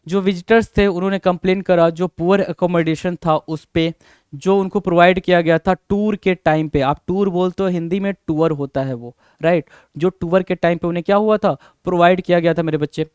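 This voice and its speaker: Patient Indian teacher, smooth higher voice. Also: male voice, fairly even intonation, darkish tone, no room sound, clean studio sound. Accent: Indian English. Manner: patient, repetitive, quizzes students with questions he answers himself; reads exam sentences slowly word by word. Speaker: English grammar teacher. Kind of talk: exam-prep lesson in mixed Hindi and English.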